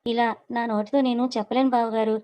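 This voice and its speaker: A woman's voice: a little high, flat delivery, quick pace, mellow, lightly acted. A woman voicing a teasing, cheeky young woman in a storybook reading, playful and coy.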